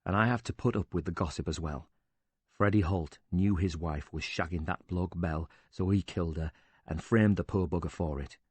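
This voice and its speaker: A man's voice: deep voice, moderate pace, slightly rough, no echo. A man reading as a bitter, swearing older widower. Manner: indignant, swearing, sarcastic. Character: bitter older widower, quick-tempered and defensive.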